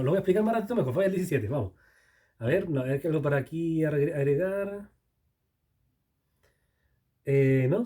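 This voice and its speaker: A man's voice: fairly high pitch, dark tone. A man teaching a Bible passage verse by verse, chatting with the listeners, asking them questions and often correcting himself. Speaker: preacher.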